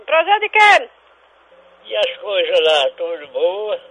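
A man playing a cranky, suspicious old father who answers the phone gruffly and hurls insults. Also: high voice, expressive, takes it slowly, fairly bright tone, heavily acted, low-quality recording. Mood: irritated. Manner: gruff, insulting, keeps demanding who is calling. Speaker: prank call character. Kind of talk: comic radio prank call.

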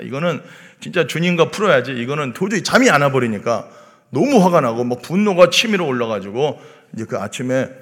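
A man in his thirties preaching a sermon, telling a personal story in a lively way and acting out the voices of the people in it. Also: medium pitch. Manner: animated storytelling, acts out quoted voices. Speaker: pastor. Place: large church sanctuary. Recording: long hall reverb.

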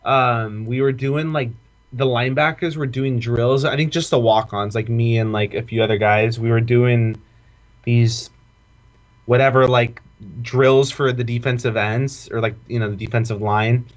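A man's voice: medium pitch, steady tone, moderate pace. Casual, profane young man rambling. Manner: rambling, heavy "like" filler, profane. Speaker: podcast co-host, former college football walk-on. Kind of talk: casual chat.

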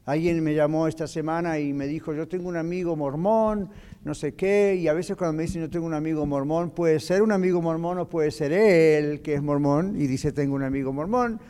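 Pastor guy teaching bible class, kinda high voice, explains patiently, english bits here and there, big echoey church hall. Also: fairly even intonation, moderate pace, dark tone, clean tone. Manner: explanatory, mixes in English phrases. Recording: long church hall reverb.

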